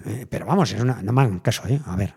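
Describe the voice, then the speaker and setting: A man's voice: fairly low pitch, lively intonation, rapid-fire, vocal fry, warm tone, breathy edge. A middle-aged man from Spain chatting casually and thinking aloud, rambling with many fillers and restarts. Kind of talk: casual chat.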